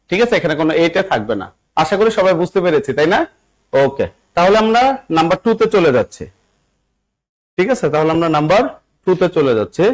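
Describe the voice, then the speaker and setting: A fairly high-pitched young man with a Bangladeshi accent leads a live online spelling class. He repeats instructions over and over, coaxing students to write answers and checking that they understand. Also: low-quality recording. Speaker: English teacher for job exams.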